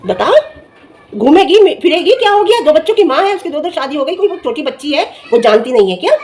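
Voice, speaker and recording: A woman's voice: high voice, animated, fast, darkish tone. A middle-aged woman giving heated, scolding commentary in a vlog, firing off rhetorical questions and challenges. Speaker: vlogger.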